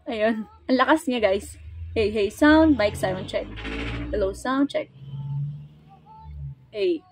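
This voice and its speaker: Soft music plays behind this slightly high, animated woman speaking slowly with a Filipino accent. As a vlogger and motorcycle gear seller, she demonstrates products in a chatty, informal hands-on tutorial addressed directly to her audience.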